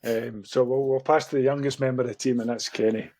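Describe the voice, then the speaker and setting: A Scottish-accented man hosts a podcast in an informal, matey, chatty way, mixing casual chat with interviewing. His mellow voice is medium-pitched and fairly even, moving at a quick pace.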